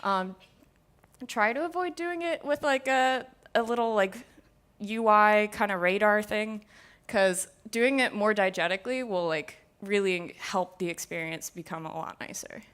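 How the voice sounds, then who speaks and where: A woman's voice: medium pitch, unhurried, fairly bright tone, clean tone. A young woman giving a casual conference talk on VR design, speaking into a stage mic and filling her sentences with "like.". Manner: casual, filler-heavy, many "like"s.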